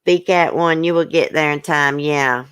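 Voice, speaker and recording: A woman with a deep voice speaks at a measured pace, her tone clean and free of echo. Hosting a livestream for her YouTube channel, she sounds upset and hurt, venting bluntly and reading viewer comments aloud. Her speech is emotional, colloquial, and full of swearing.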